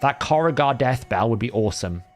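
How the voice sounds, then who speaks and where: A Welsh man, a native Welsh speaker from Wales, hosts a live game stream with a mid-range, expressive voice that runs a little fast over faint background music. He chats casually through the gameplay, thinking aloud and often correcting himself.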